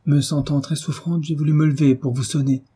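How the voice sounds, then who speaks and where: A man's voice: lowish voice, lively intonation, moderate pace, mellow, slightly rough. A man voicing a faint, frail young mother, speaking weakly and breathlessly in a storybook reading. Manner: weak and breathless.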